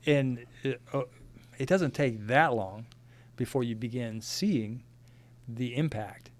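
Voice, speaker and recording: A man's voice: mid-range voice, takes it slowly. A man speaking as a podcast guest, plain-spoken and full of ums and uhs. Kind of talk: casual conversation.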